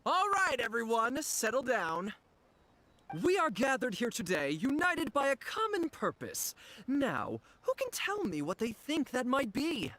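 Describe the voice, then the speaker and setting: A woman's voice: a little high, wildly swooping pitch, a little slow, fairly bright tone, exaggerated voice, low-quality recording. A woman voicing a zealous adult fan-club leader in a video game, who speaks in a preachy, rousing manner. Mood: preaching.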